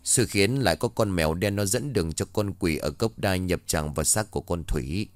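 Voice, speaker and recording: A man voices an old village exorcist, calm and grave. He speaks in a deep, low voice with solemn, measured explanations. The sound is dry and close. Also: no room sound, lightly acted.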